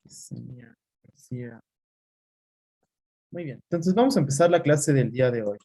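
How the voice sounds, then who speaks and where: A man teaches over a video call at a mid-range pitch, calling on students one by one and explaining with everyday examples. He sounds like a teacher lecturing from home over a laptop mic. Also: animated, normal speed, vocal fry, warm tone. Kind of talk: online class lecture.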